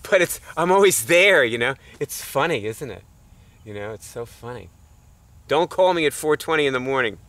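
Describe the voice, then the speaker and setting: A man's voice: mid-range voice, fairly bright tone. A middle-aged man telling a rambling story in a casual lecture, chuckling often and filling his talk with fillers and restarts. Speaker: nonprofit founder teaching alternative healing.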